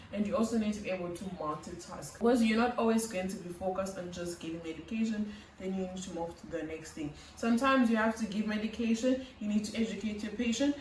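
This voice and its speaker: A woman's voice: mid-range voice, a little hiss or hum. A young woman vlogging advice on nursing school, earnest and instructive as she lists tasks. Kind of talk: advice vlog talking to camera. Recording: roomy, slightly distant mic.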